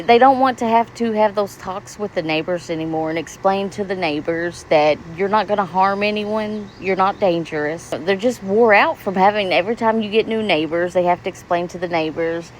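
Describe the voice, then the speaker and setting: A woman with a fairly low voice delivers reaction commentary. She talks with deadpan sarcasm and mocking asides, and there is a faint hum of noise behind her. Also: poor audio. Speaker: commentary host.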